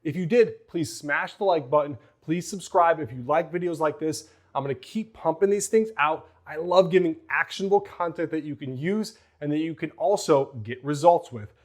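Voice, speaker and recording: A man coaching as a fitness trainer, energetic and out of breath after a workout. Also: a little high, normal speed, hardly any pauses. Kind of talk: workout demonstration vlog.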